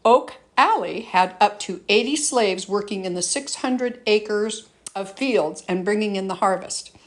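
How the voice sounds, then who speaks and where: Female educator, mid-pitched, for scripted explanatory lesson narration in a student nature-documentary style. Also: measured pace. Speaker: teacher presenting an educational lesson.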